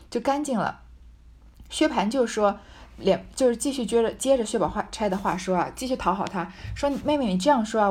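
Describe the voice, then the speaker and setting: A woman's voice: mid-range voice, a little mellow, breathy edge. Woman narrator, reads a classic novel aloud and comments as she goes, thinks aloud. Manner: musing, thinks aloud with fillers. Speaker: reader and commentator.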